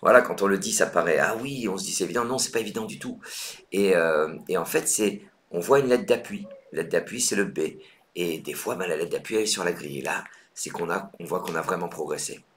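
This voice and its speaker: A man's voice: low-pitched, fairly bright tone, slight background noise. A man hosting a live online Scrabble lesson, patiently explaining moves and thinking aloud with hesitations. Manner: counts points aloud briskly. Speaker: Scrabble teacher.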